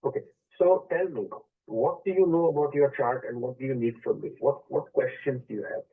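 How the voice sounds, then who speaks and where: A male radio astrology host takes a caller in a call-in consultation, explaining the chart and mixing English with Hindi phrases. His mid-range voice is husky, with lively intonation and a slightly fast pace, over a tinny phone line.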